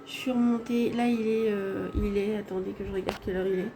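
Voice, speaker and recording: A woman's voice: medium pitch, fairly even intonation, brisk, noisy background. A woman vlogging casually from a hospital room, chatting directly to her viewers on a handheld phone. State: tired after anesthesia. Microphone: phone held in hand.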